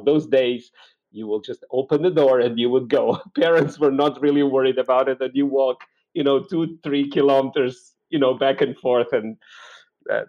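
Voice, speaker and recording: A Portuguese man in his forties, speaking with a Portuguese accent in a medium-pitched voice, shares personal stories as an interview guest. His tone is reflective and conversational, and the audio has its high frequencies cut off.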